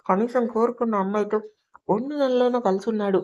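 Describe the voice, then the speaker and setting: A regretful father speaks softly of loss and blame. A woman storyteller reads him without changing her voice much. It is a narrated audio story. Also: fairly high pitch, a little fast, muffled recording, lightly acted. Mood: sorrowful. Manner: sorrowful, resigned. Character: regretful middle-aged father, sorrowful and resigned.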